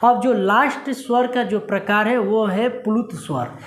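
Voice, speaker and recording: Slow-dictating male teacher in echoey room. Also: high-pitched, fairly even intonation. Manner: slow, repeats and dictates word by word; checks understanding with frequent questions. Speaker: Hindi teacher. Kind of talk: classroom lesson at a board. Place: classroom with a board.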